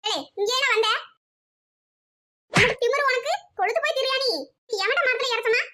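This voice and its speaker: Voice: extremely high pitch, fairly quick. A performer doing a scolding village mother. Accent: Tirunelveli Tamil. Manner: scolding, quarrelsome. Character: sharp-tongued village mother. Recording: loud background noise.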